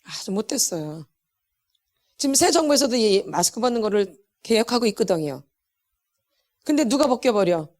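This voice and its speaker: A middle-aged woman teaching a church healing class, with an animated, emphatic delivery that repeats words for stress and laughs between lines. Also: fairly high pitch, a little fast. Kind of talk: church lecture.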